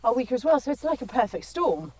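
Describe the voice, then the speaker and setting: A woman's voice: a little high, very animated, fast talker, a little mellow. Chatty woman physio on a sunny walk. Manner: chatty, agreeable, enthusiastic. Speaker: physiotherapist podcast co-host. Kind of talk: casual chat on a walk. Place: outdoors in woods on a walk. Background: faint birdsong and nature ambience.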